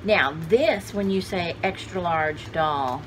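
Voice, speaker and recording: Recorded roughly on a camera, an older woman around her sixties shows off vintage items in a small room crowded with shelves. Her voice sits lowish, her talk is unhurried and chatty as she thinks aloud, and faint background noise can be heard.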